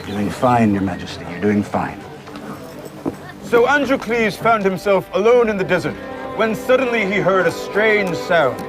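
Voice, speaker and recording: An actor playing a gentle travelling showman, kindly and devoted to his performing animals, in a film drama. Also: high-pitched, sing-song, moderate pace, over music. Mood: gentle, fond. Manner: kindly, chatting to animals as companions.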